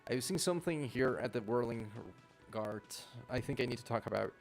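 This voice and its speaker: A man's voice: mid-range voice, lively intonation, brisk, vocal fry, faint music behind. A man streaming a video game, playfully reading narration and dialogue aloud. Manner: playful, laughs often, reads lines aloud.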